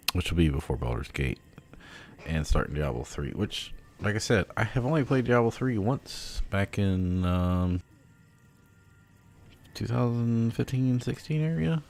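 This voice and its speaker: A man with an extremely deep voice talks through his gaming session, drowsy and yawning as he rambles. He thinks aloud with plenty of fillers and casual swearing, over a faint background hiss. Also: a little mellow. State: sleepy, yawning. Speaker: gaming streamer. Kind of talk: casual gameplay commentary.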